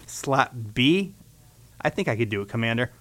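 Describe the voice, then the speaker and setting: A man's voice: medium pitch, lively intonation, normal speed, a bit bright, natural voice. A man voicing a nervous, fussy male junior engineer who fusses over details. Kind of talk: radio comedy sketch acting.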